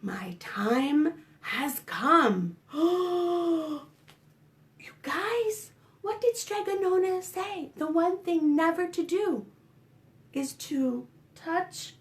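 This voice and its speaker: A librarian reads a picture book aloud to young children, her voice extremely high and her pace very slow with long pauses. She's expressive, gently addressing her young listeners with dramatic gasps and whispered asides.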